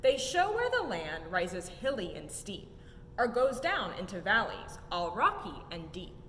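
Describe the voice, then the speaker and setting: An unhurried young woman, the story-time reader at a museum, reads a picture book aloud to children with very animated pitch. Her rhymed, sing-song delivery takes emphatic swoops, and the indoor exhibit room sounds echoey with a low rumble underneath.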